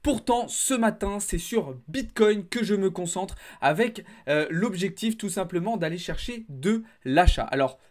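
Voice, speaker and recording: A man's voice: high-pitched, lively intonation, unhurried, hardly any pauses. A man with a slight lisp on his s sounds, presenting market commentary to viewers. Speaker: crypto trading video host.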